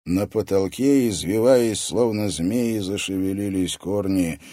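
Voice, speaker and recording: A man narrating a fantasy audiobook in a dramatic, expressive storytelling manner. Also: low voice, a little slow, dry recording, studio quality. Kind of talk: scripted narration.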